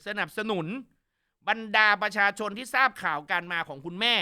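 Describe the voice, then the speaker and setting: A man hosting a casual news commentary show, animated and gossipy with crude jokes. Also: sits high, normal speed, clear, resonant tone.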